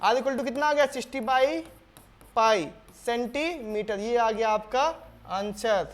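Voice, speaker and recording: A man teaching a board exam maths lesson step by step. He asks his students questions, answers them himself, repeats key steps and calls them "beta" in a patient, coaxing way. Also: extremely high pitch. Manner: reads the English question slowly, word by word.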